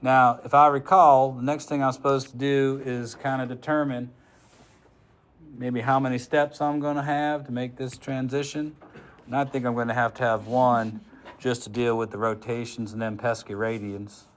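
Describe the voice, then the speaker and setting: A man teaches a physics class in a mid-range voice that stays fairly flat in pitch, speaking at a normal speed. He jokes and chats with his students while working through an example, taking the arithmetic one step at a time in a classroom lecture.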